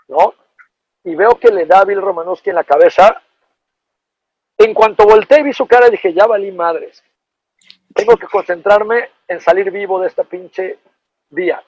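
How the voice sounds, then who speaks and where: With a high voice in a dry, low-quality recording, a middle-aged Mexican man who used to play football recounts a story. He speaks in a Mexican Spanish accent, keeping it casual, lively, slangy, and profane.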